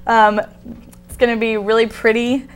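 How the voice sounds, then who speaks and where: A woman's voice: fairly high pitch, level tone, normal speed, clear, resonant tone. A young American woman presenting the weather informally for a student newscast. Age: young adult. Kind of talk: informal weather forecast delivery.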